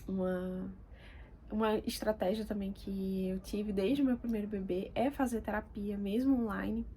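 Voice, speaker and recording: Soft-spoken mother, mellow voice. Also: mid-range voice, steady tone, a little hiss or hum. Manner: soft-spoken, hesitant, many pauses and fillers. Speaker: mother vlogger. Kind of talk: casual personal talk to camera. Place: quiet home room.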